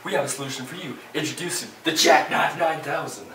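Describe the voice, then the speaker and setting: A man's voice: fairly high pitch, fast, fairly bright tone, slight background noise, lightly acted. A young man acts out a hard sell infomercial salesman with a slightly stilted, homemade delivery. The sound is echoey and a bit distant, as from a camera in a small bare room. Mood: salesy. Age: teens to young adult. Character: older salesman pitching a gadget to a boy. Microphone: camera a few feet away.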